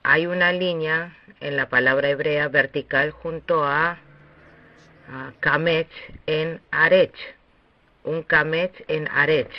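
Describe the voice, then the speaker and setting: A man teaching a recorded lesson on Hebrew pronunciation, speaking slowly and deliberately with long pauses. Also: a little high, fairly even intonation, no room sound. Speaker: Bible language teacher. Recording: dull, dry lo-fi recording.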